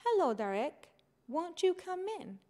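A woman voicing a shy immigrant mother learning English, speaking slowly and carefully in halting phrases. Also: extremely high pitch, very animated, dark tone, pitched above the performer's own voice, exaggerated voice.

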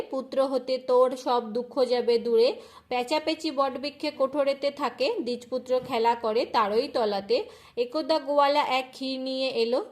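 Woman, slightly high voice, calm home-ritual instructor reciting verse. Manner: soft chanting of devotional refrains, rhythmic verse reading.

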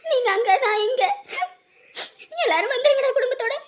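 A high, quick-talking village mother, played by a woman, who is anxious and eager to have family gather, pleading with a laugh breaking through her tears. Her speech rushes along at a fast clip. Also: a bit bright. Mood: tearful joy. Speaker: mother of the girl. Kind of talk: village drama acting.

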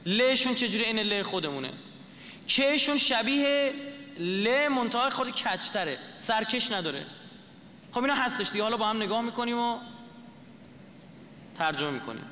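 A man's voice: very high voice, lively intonation, long pauses, sharp tone, long reverb tail, a little hiss or hum. A man lecturing to an audience, explaining a script letter by letter and asking the listeners questions.

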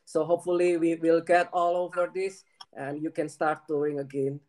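A man's voice: fairly high pitch, level tone, moderate pace, darkish tone. A young man from Indonesia, chatting eagerly over a video call as a fan, with lots of fillers. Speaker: fan and guest musician. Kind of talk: casual chat. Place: room indoors.

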